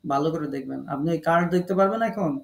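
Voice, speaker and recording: Gravelly-voiced man teaching recitation. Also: on the high side. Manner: patient, coaxing, repeats syllables slowly. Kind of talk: online class, calling on students to read.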